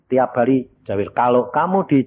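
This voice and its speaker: A man preaching a sermon, telling testimony stories in an animated way and acting out the voices of the people in them. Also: mid-range voice, moderate pace. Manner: animated storytelling, acting out voices, shouting punchlines. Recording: tinny phone-like sound with faint noise.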